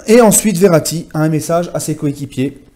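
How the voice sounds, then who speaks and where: Male vlogger with a mellow, fairly high voice, casual chatty football news recap. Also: normal speed. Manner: chatty, addresses viewers as friends, many fillers. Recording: home vlog.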